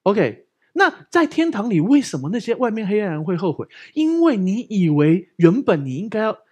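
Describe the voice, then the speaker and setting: A pastor preaches a lively, conversational sermon in Mandarin with a Taiwanese accent, cracking jokes and often asking the congregation whether they agree. His voice is high and a bit breathy, at normal speed.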